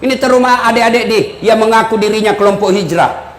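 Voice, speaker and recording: A male preacher giving a joking live sermon, shouting to stress his points. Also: high-pitched, fast. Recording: echoey hall with faint audience ambience.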